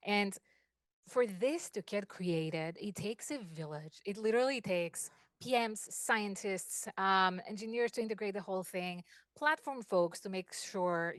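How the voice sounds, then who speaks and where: A woman with a Greek accent talks to a meetup audience in a classroom, energetic and conversational. She keeps checking in with the room. The sound is close and dry. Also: mid-range voice, no echo. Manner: animated, checks in with 'right?' and 'okay?'. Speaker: guest speaker. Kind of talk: fireside chat with live demos.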